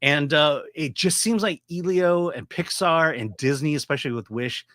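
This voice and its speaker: A middle-aged man giving casual movie commentary as a reviewer, explaining his opinions in a halting, opinionated way. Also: fairly high pitch, fairly bright tone, no room sound, studio quality. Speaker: film reviewer.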